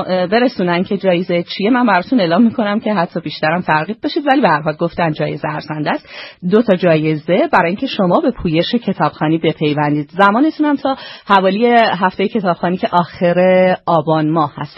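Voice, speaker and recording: Husky-voiced radio host, dry and muffled. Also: medium pitch, no room sound. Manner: polite, inviting, formal-casual. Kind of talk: radio program talk. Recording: slightly muffled radio broadcast.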